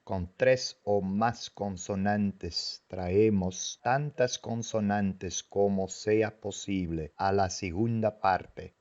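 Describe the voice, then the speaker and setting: A man's voice: lowish voice, a little mellow. A man teaching a language lesson from a script, repeating each word several times. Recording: dull lo-fi recording.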